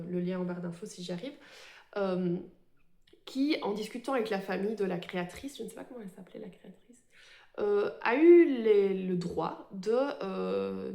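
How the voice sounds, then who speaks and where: A woman's voice: lowish voice, mellow. Chatty French vlogger woman, echoey room. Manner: chatty, many fillers and self-corrections. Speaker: cross-stitch vlogger. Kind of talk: casual chat to camera.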